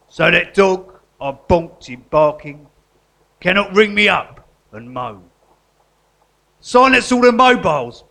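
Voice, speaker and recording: A man's voice: sits high, gravelly, bright, forceful tone, heavily acted. A man playing an earnest, sentimental working-class crook and artist with a south-east English accent in a live stage drama. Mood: mournful recital. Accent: south-east England. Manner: colloquial, earnest.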